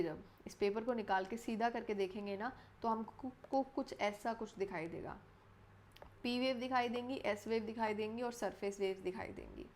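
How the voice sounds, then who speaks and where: A woman's voice: mid-range voice, slight background noise. A young woman teaching an exam-prep lecture in a room at home. She explains step by step, asks questions and answers them herself, and repeats the key points, often correcting herself.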